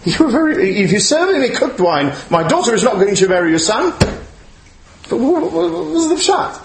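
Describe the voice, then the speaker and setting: Very high, creaky, and highly animated, a man moving at a moderate pace lectures as a rabbi on religious law, pressing his points and posing questions to the people in the room. He lives in Chile but comes from elsewhere; the audio is echoey with faint noise and clicks.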